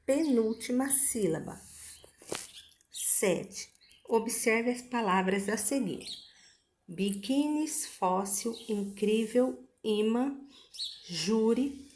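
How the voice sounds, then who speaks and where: A woman's voice: mid-range voice, a little hiss or hum. A woman teacher reading a school lesson aloud, patient, going through the exercises word by word.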